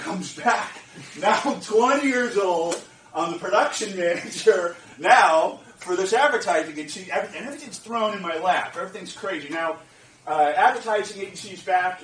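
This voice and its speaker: Guest speaker, man in his 40s, chatty and rambling, slightly high voice, captured from afar. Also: fairly bright tone. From Boston area, USA. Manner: chatty and rambling, with restarts and asides to the audience. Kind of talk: informal talk to students. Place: lecture room. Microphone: far 360 camera. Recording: echoey room, distant mic, faint background hum.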